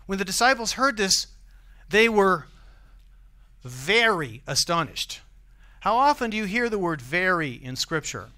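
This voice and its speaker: A man's voice: high-pitched, sing-song, measured pace, sharp tone. A man with an American accent preaching a sermon in a church, conversational and often asking the congregation questions. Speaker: pastor.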